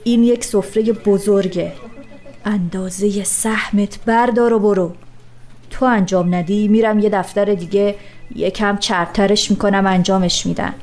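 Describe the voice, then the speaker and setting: A woman reading a story aloud, voicing a pushy, flattering male client at an office who turns to bribes and threats. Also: mid-range voice, a little hiss or hum, close to an everyday voice. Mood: menacing. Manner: smooth-talking then threatening.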